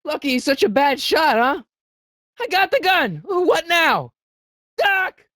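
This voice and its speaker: Here the excitable teen hero of a video game is shouting with urgency, yet he takes it slowly, his very high-pitched, exaggerated voice swooping with animation. Earnest as ever, he fumbles his words when flustered. The close, dry recording carries no room sound.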